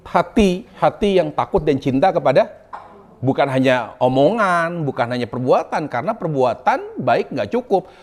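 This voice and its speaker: Male preacher, conversational and humorous, repeats his key points, casual sermon to a women's group. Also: sits high. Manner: chatty and humorous, with colloquial asides and acted quotes; pleading, repeating points for emphasis. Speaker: Islamic preacher.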